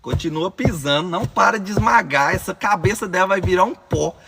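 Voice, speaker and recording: A man's voice: high voice, fairly quick, creaky, heavy background noise. A man with a Brazilian accent guiding listeners through a visualization exercise, giving urgent, commanding directions as a course instructor. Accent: Brazilian Portuguese.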